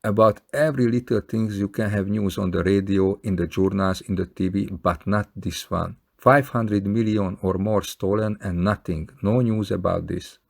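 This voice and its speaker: Male video maker, Hungarian accent, lowish gravelly voice, earnest and plain-spoken direct appeal. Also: steady tone, normal speed, few pauses. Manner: earnest, plain-spoken, non-native phrasing. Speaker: video maker appealing to fellow scam victims. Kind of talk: scripted appeal to camera.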